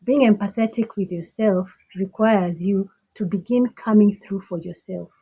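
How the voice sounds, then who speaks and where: Through poor audio, a motivational speaker with a Kenyan accent repeats phrases for effect in a deliberate, emphatic monologue. Her voice is slightly husky, mid-range, and warm.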